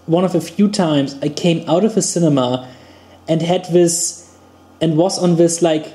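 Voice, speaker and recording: A young man from Germany talks films in a loose, eager way, stumbling through restarts and fillers. His voice sits a little high for a man, with a mellow, warm tone. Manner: enthusiastic, rambling with many restarts and fillers. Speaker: podcast co-host. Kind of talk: casual chat.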